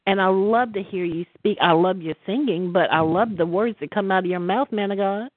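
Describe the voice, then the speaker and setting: A woman's voice: medium pitch, a little fast, no room sound. A middle-aged woman on a church prayer call, speaking earnestly with stammered restarts, heard over the phone. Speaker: caller on a prayer line. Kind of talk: spoken encouragement in a church call. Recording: tinny dry phone line.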